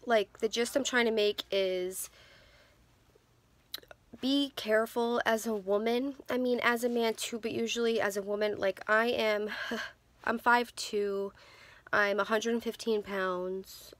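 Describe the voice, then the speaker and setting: A woman's voice: a little high, steady tone, a little slow, no echo. A woman in her twenties vlogging to a phone camera, telling her stories candidly with lots of ums and restarts. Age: 20s. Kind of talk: casual storytelling to camera. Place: in a car.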